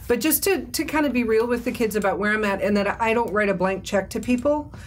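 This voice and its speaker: A woman co-hosting a live webinar Q&A, giving parenting advice in a measured, thoughtful, explanatory way. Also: fairly high pitch, a little hiss or hum. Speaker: co-host and parent.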